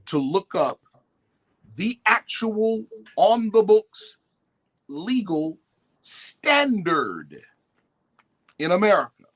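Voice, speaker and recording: Sitting a bit high for a man, this guest speaker's slightly husky, lively voice swings broadly in pitch as he lectures during a talk-show discussion. He pushes his points with animated emphasis, quoting definitions and imitating other people.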